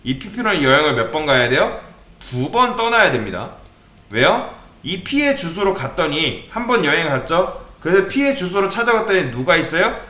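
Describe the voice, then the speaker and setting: A man's voice: on the high side, very animated, normal speed, bright, forceful tone, roomy sound. A man teaching a programming lesson, asking the viewers questions and then answering them himself. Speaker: programming instructor. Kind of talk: coding lecture with questions to viewers.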